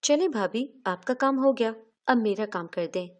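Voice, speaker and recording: Woman voicing a young brother-in-law, storybook reading, whiny, sly, bargaining, fairly high voice. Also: animated, natural voice. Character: young man, brother-in-law, pleading then scheming.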